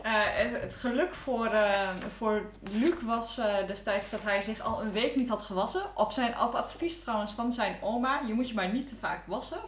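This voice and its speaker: A woman co-hosting a casual book chat, speaking haltingly with many fillers. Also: fairly high pitch, echoey room, slight background noise. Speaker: podcast co-host.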